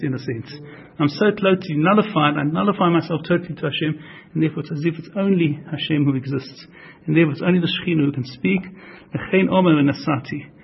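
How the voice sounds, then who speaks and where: A man's voice: fairly high pitch, husky, muffled recording. A man giving a Torah class, explaining with repeated phrases and rhetorical questions and mixing Hebrew terms into his English. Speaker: Torah teacher.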